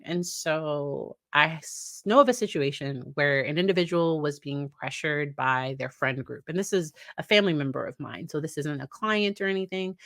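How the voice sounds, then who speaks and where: Talking casually to camera, this deep-voiced American psychologist hosts an educational chat. She laughs warmly and voices quoted dialogue in a higher pitch, recorded in studio quality with no echo.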